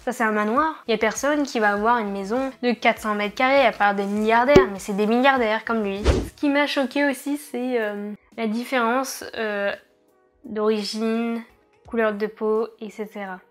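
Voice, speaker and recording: Young French woman, vlogger, slightly high voice, hesitant and chatty, faint music underneath. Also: steady tone, normal speed. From France. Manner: chatty, frequent hesitations, wry asides. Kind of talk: casual chatty storytelling to camera.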